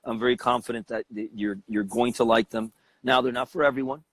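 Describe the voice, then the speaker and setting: A man's voice: medium pitch, steady tone, fairly quick, no room sound. A man from Cuba, a cigar company president, talking as an interview guest in a confident, persuasive way.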